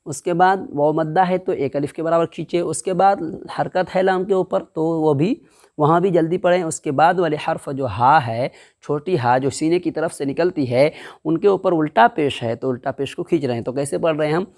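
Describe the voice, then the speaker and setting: A man teaching Quran reading in a step-by-step lesson. He, drills the syllables slowly and asks and answers his own questions. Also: on the high side, darkish tone.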